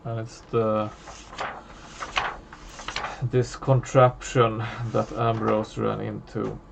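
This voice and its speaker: Gravelly male game master, hesitant, filler-heavy delivery. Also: fairly low pitch, level tone, background noise. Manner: halting, many fillers and restarts. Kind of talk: narrating a tabletop horror game.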